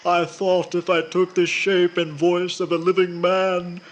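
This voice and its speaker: A man plays a weary, sorrowful Grim Reaper in an old-time radio drama, delivering mournful, archaic, theatrical lines. His voice sits high and monotone, at a measured pace, in a gloomy, tired mood.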